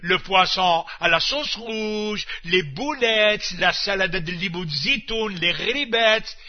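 A man's voice: high voice, slow pace. A man voicing an exasperated middle-aged housewife with a North African French accent, rattling off long lists of chores and dishes. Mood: listing. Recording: muffled old radio recording.

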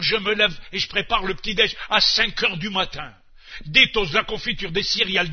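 A man's voice: high-pitched, husky. A man voicing an exasperated middle-aged housewife with a North African French accent, rattling off long lists of chores and dishes. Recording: muffled old radio recording.

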